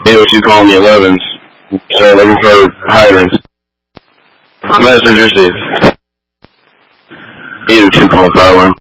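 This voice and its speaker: A man's voice: lowish voice, level tone, a little slow, pauses often, fairly bright tone, rough recording. A man speaking as a firefighter incident commander in urgent, clipped commands over fire department radio. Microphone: two-way radio.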